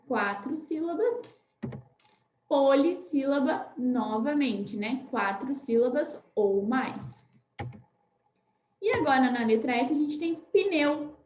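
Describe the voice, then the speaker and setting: A Brazilian woman teacher giving a recorded class for young children, patiently spelling words out slowly and often checking in with "né?". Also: high-pitched, reverberant, slight background noise, low-quality recording. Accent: Brazilian Portuguese. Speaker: primary school teacher.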